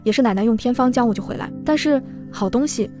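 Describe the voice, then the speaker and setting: A woman narrating a first-person folk horror story in a brisk, dramatic way. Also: fairly high pitch, warm tone, soft background music.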